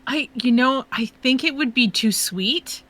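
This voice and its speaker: A woman's voice: sits high, expressive, unhurried, bright, forceful tone. A woman guesting on a podcast, laid-back and blunt, swearing casually as she chats. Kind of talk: casual chat.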